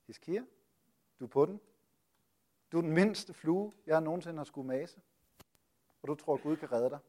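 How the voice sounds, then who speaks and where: A man's voice: fairly high pitch, mellow, natural voice. A man putting on a scornful ancient warlord who jeers at a besieged city. He throws out boastful rhetorical questions in a slightly raised voice. He sounds like a bully who is sure of his might. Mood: taunting. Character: arrogant mocking male Assyrian army commander.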